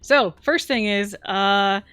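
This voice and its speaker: A woman runs a tabletop game as game master, talking through the scene with frequent giggles and halting fillers. Her voice sits at an ordinary pitch and sounds dry and close, with soft music playing faintly behind. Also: smooth, dry recording. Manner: giggly, hesitant narration full of fillers. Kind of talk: narrating a tabletop game on a charity stream.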